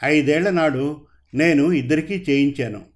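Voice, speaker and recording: A man's voice: fairly high pitch, normal speed, close to an everyday voice. A man voicing a grave, grieving father. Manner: sorrowful, stern. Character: grieving father, stern and firm.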